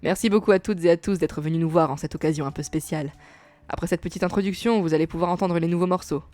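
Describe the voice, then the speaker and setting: A woman's voice: on the low side, quick pace, darkish tone, no echo, close to an everyday voice. A woman voicing a young male rock singer who politely announces to a bar crowd, in her own plain voice, over faint music. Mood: announcing.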